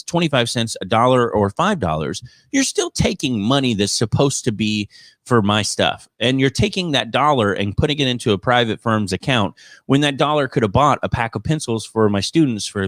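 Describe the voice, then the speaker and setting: Clean studio sound without echo carries this man's mid-range, slightly bright voice. He's a teacher running a podcast, riffing casually on education news as it comes in, with exasperated sarcasm.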